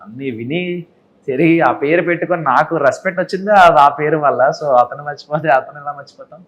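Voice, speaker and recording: A man's voice: fairly high pitch, quick pace, a bit bright, dull audio. A young man answering interview questions casually, often slipping English words into his speech. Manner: mixes English into his talk, earnest. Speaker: interview guest.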